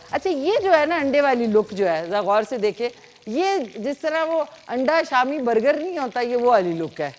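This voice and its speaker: A woman's voice: a little high, darkish tone. A woman hosting a live cooking show in a Pakistani Urdu accent, chatting with callers and explaining each step as she cooks. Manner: chatty, demonstrative, explains recipes while cooking.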